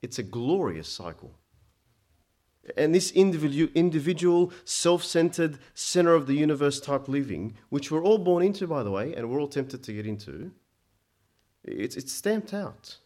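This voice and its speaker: Emphatic preacher born in Egypt. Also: male voice, big pitch swings, normal speed. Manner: emphatic, rising to loud peaks then dropping low; frequent stammered restarts. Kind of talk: sermon.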